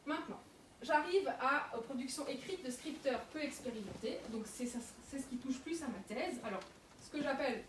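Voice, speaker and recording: A young woman giving a public lecture in a museum, talking with many fillers and restarts. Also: a little high. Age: young adult. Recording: echoey room, mic far off, noisy.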